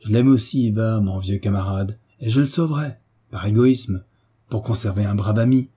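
A man voicing a gruff, affectionate old family doctor who speaks brusquely and heartily. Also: lowish voice, moderate pace, dark tone. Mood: hearty, brusque.

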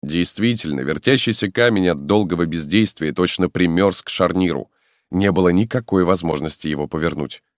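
A man narrating a novel in a measured, solemn reading. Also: low-pitched, no echo, studio quality. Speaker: audiobook narrator. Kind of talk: scripted narration.

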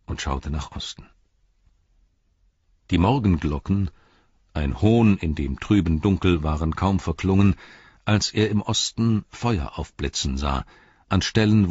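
A man narrating an audiobook in a steady, measured storytelling voice. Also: sits low, breathy edge, no room sound. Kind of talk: scripted narration. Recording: dull, slightly lo-fi dry recording.

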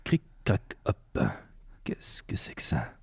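A man playing a self-important police lieutenant in an improvised comedy sketch, pompous and deadpan. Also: fairly low pitch, a little fast, no room sound.

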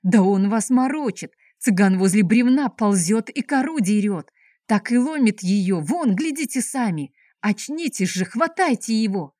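A woman voicing a furious, blustering male officer who shouts in a frantic panic. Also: mid-range voice, lively intonation, a little slow, few pauses, husky, no echo, clean studio sound.

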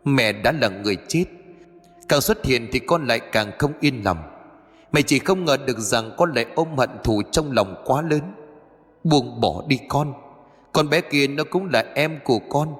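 A man voicing the sorrowful ghost of a dead mother, who speaks in a mournful, pleading and gently scolding way. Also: medium pitch, measured pace, in a large hall, close to an everyday voice.

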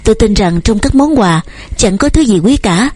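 A woman's voice: medium pitch, lively intonation, normal speed, darkish tone, husky. A woman voicing an earnest, devoted young man who courts eagerly and speaks at length.

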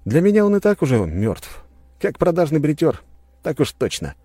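A self-assured young nobleman, voiced by a man answers coolly, with a faint mocking edge. The pitch is lifted well above the reader's deep, dark register. It sounds like a first-person audiobook hero. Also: huge pitch swings, moderate pace, husky, no room sound, heavily acted. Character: young nobleman duelist, cool and confident.

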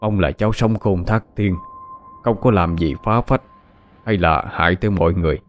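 A man's voice: low-pitched, moderate pace, a little hiss or hum, close to an everyday voice. A man with a Southern Vietnamese accent voicing a kind middle-aged village husband, speaking humbly and earnestly with hesitant fillers.

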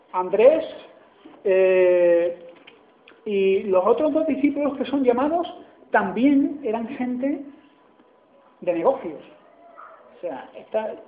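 Male Andalusian preacher, conversational sermon, roomy echo and thin phone-like audio. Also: sits high. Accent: Andalusian Spanish. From Spain. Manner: conversational, asks "¿no?" often. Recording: echoey hall over a tinny line.

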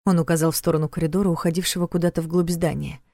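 Woman narrator, audiobook, measured reading, lowish voice, dry close mic. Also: level tone, dark tone, dry recording. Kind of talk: scripted narration.

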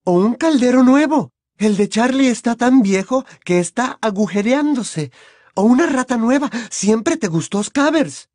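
A man's voice: very high-pitched, lively intonation, a little slow, a little mellow, dry recording, clean studio sound, voice pushed up. A man voicing a doting, fussy middle-aged witch mother who gushes over her son. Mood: fussing. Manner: gushing and flustered.

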